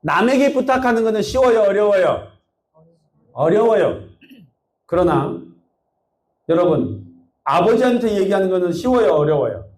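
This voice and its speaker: Higher-voiced male pastor in echoey church. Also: sing-song, moderate pace, long pauses, darkish tone. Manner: asks the congregation questions and acts out quotes. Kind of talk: Sunday sermon with storytelling. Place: church sanctuary.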